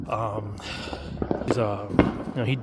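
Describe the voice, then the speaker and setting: Guy rambling slow in a vlog outside at night, fireworks popping loud in the background. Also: on the low side, steady tone, heavy background noise. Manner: rambling, hesitant, many fillers. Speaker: vlogger. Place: outdoors at night. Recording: loud fireworks and firecrackers outdoors.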